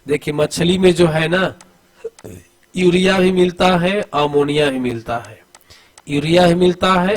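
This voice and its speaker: Man, slightly high voice, coaching teacher, exam drill, asks and repeats answers, urges quick replies. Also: low-quality recording. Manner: addresses students familiarly, urging quick answers. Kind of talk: exam-prep lesson over diagrams.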